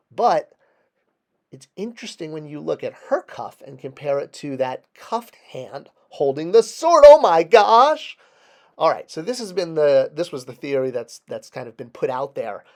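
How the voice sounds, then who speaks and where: A man presenting in a casual explanatory style, with animated delivery and emphatic stresses on key words. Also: medium pitch, creaky. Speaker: video presenter.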